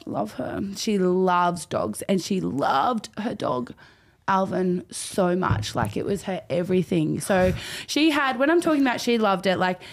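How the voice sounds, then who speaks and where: A woman's voice: lowish voice, sing-song, measured pace. Chatty woman telling a story. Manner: chatty storyteller, rambling with many "like"s. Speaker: podcast co-host. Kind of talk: casual chat.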